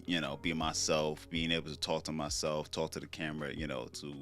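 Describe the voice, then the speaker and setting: On his solo podcast, a young Trinidadian man talks in an easygoing, meandering style, dropping many fillers and the odd swear word. He has a bass voice with a sharp tone.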